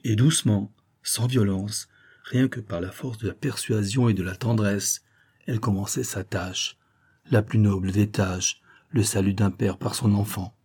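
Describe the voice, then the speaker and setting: Dark, husky male audiobook narrator. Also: fairly low pitch, fairly even intonation, unhurried. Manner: dramatic literary reading.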